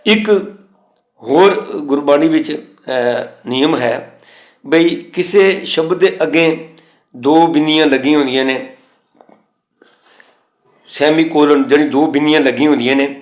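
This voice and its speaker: A man teaching scripture pronunciation, slowly reciting verse lines and then explaining them plainly. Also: a little high. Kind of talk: instructional lesson. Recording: echoey room.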